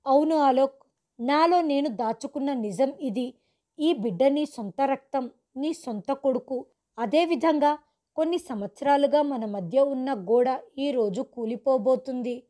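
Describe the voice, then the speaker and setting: A tearful, grave older mother speaking gently but firmly to her son, voiced by a woman narrator. Her voice is high, with a dark, mellow color. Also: unhurried. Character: grieving older mother revealing a secret.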